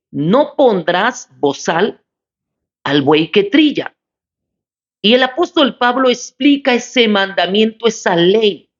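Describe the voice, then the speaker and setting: A woman pastor giving a Bible study lesson, speaking deliberately, repeating key phrases and checking in with her listeners. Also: a little high. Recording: slightly dull lo-fi recording.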